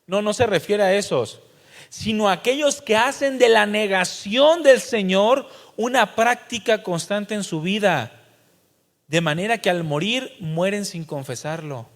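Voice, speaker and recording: Man, Mexican accent, pastor, emphatic sermon, high voice, long reverb of a church hall. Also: lively intonation, measured pace. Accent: Mexican Spanish. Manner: emphatic preaching, direct address to congregation.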